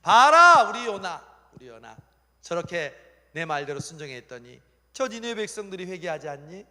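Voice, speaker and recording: A doting, delighted God speaks, as a male preacher acts him out, fussing over his wayward prophet. The voice is bright and somewhat high, carried on the long echo of a church sanctuary. He praises proudly, then coaxes softly. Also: normal speed. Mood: overjoyed, proud. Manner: exclaiming proudly, then coaxing gently. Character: God, a doting, overjoyed heavenly father. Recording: long reverb of a church hall.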